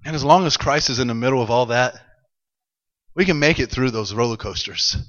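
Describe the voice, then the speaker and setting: A male preacher telling a Bible story to a congregation, building from calm narration to excited shouts. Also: medium pitch, brisk, muffled recording. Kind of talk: sermon. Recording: long hall reverb.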